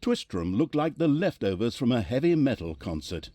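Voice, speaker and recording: Narrator: a wry, mock-solemn storyteller voiced by a man, dark and mellow in tone, with a hugely varied pitch. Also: sing-song, normal speed, slight background noise, close to an everyday voice. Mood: sardonic. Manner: mock-solemn, tongue-in-cheek. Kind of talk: scripted game narration.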